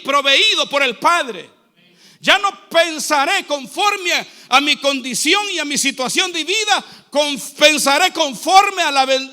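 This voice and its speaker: A male pastor with a Central American Spanish accent delivers a sermon, his voice sitting unusually high for a man. The tone is piercingly bright and sharp, and he drives his points home through repeated exhorting phrases. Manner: exhorting, repetitive preaching cadence.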